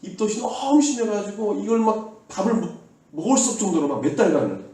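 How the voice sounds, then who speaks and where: A man preaches a sermon in a warm, mellow voice, urging his listeners earnestly and having them repeat his words. He sounds far from the mic. The church hall around him echoes heavily. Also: high-pitched, sing-song, quick pace. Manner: earnest exhortation, leads the congregation in call-and-response. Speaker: pastor. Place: church sanctuary.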